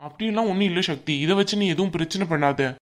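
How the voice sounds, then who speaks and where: Voice actor doing a cartoon groom, young, meek, flustered, mid-pitched. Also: fast, close to an everyday voice. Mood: pleading. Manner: pleading, flustered. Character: meek young groom, company owner, henpecked. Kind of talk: cartoon voice acting.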